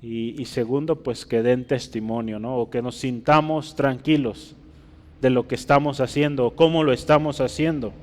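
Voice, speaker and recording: A man's voice: mid-range voice, fairly even intonation, normal speed, darkish tone, big-room sound. A man preaching an expository sermon in a church, explaining scripture and Greek words while turning to his listeners with frequent rhetorical questions. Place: church hall.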